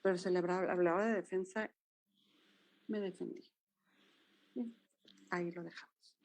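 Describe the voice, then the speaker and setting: A woman's voice: lowish voice, moderate pace, slight background noise. A woman with a Mexican accent, a dance movement therapist, animatedly recounting therapy cases in an interview and acting out the dialogue. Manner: animated storyteller, acts out dialogue.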